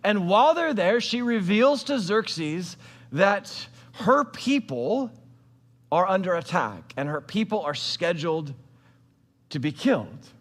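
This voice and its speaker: A pastor giving a sermon, retelling a scripture story in a casual, conversational way with modern slang. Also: male voice, high-pitched, lively intonation, slow pace, in a large hall.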